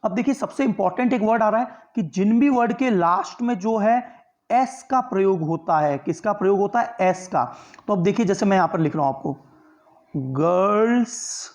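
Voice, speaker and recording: A man gives an online exam-prep lecture on grammar, working step by step, often answering his own questions and using tag questions to win listeners' agreement. His high voice is a little mellow and a little fast.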